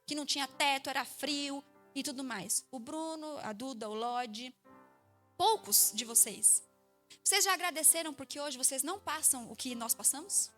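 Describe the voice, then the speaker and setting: A woman in her thirties with a Brazilian Portuguese accent, a pastor preaching a sermon in a church, telling stories with lively acted-out voices. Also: high-pitched, moderate pace, soft background music. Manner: lively storytelling, acts out quoted voices.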